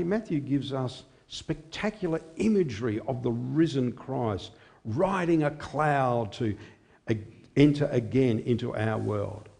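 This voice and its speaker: A man in his sixties preaching a sermon in a small chapel at a lectern microphone, measured and expressive. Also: medium pitch, gravelly. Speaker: chaplain preaching.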